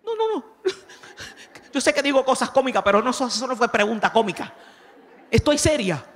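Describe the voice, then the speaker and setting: A conference speaker with a higher-pitched voice talks at a normal speed, preaching in a chatty, playful way and frequently questioning her listeners. The church conference hall rings with long reverb.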